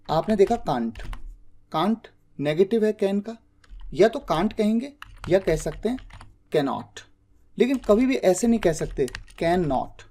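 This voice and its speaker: Indian man, English tutor; patient step-by-step explainer, warm low tone, drags out example phrases. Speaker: English teacher. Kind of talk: spoken English lesson in Hindi.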